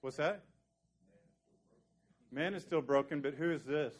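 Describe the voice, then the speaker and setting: A preacher teaches a sermon earnestly and conversationally, walking through scripture and now and then joking dryly with the congregation. His voice is a little high and unhurried.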